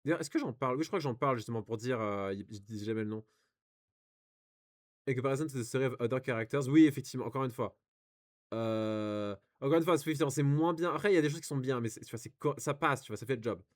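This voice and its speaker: A man's voice: mid-range voice, fast talker. Rambling French-accented young man. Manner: rambling, many fillers and restarts. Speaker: anime reviewer reading reviews. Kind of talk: casual commentary, reading aloud.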